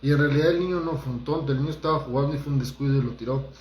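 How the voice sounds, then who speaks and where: A man's voice: medium pitch, racing, darkish tone, reverberant. Man giving a motivational talk. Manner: conversational, addresses listeners directly, acts out quotes. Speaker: holistic therapist.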